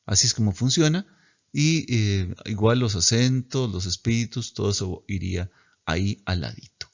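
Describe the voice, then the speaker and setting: A man teaching a class in a slow, patient way, repeating words for students to copy. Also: fairly low pitch, lively intonation, gravelly. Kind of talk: recorded lecture.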